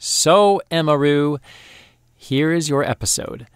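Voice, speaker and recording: A man's voice: on the high side, takes it slowly, smooth, dry recording, clean studio sound. A man hosting a children's science podcast, explaining facts step by step in a playful, friendly way. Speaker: host of a kids' science podcast. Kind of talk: educational podcast narration for children.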